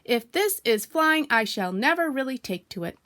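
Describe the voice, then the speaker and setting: A woman voicing a small, timid male piglet who squeaks and protests loudly, in a storybook reading. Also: sing-song, normal speed. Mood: frightened.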